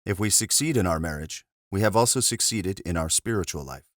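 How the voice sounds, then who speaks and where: A man, a monk, reading a spiritual book aloud in a measured, earnest way after a brief casual intro. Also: low voice, lively intonation, dry recording, clean studio sound.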